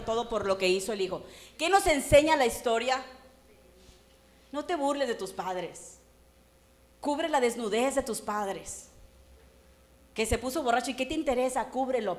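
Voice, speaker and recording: A woman pastor preaches in church, her voice a little higher than most. She delivers her sermon in an animated way and slips into the voices of the people she quotes. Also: moderate pace.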